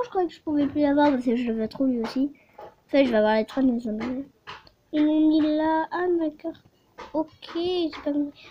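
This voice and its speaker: A woman's voice: high-pitched, darkish tone, lo-fi sound, slight background noise. Young girl with a fading voice. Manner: chatty and giggly, trails off mid-sentence. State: losing her voice. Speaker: gaming vlogger. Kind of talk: casual gameplay commentary.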